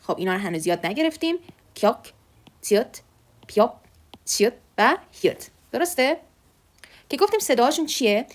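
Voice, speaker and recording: Lively-voiced woman teaching sounds. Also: a little high. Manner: patient, repeats each sound slowly. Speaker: Korean language teacher. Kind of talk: online alphabet lesson.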